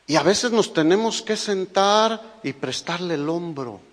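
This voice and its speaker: In an echoey hall recording, a man with a Mexican Spanish accent preaches as a pastor, speaking emphatically and firing rhetorical questions at his audience. His voice sits high, with lively intonation and a measured pace.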